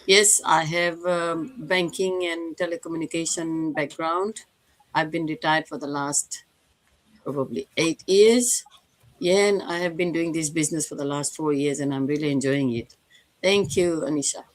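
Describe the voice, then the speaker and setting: A woman's voice: low voice, fairly even intonation, normal speed, no echo. A woman in her sixties from Fiji, a business mentor, speaking friendly and direct on an online panel. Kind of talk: online group discussion.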